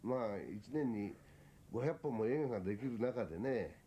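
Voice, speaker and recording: A man's voice: lowish voice, lively intonation, quick pace, warm tone, husky. Man on a dull old radio recording. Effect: old 1961 radio recording. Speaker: filmmaker speaking on a radio program. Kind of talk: radio interview remarks.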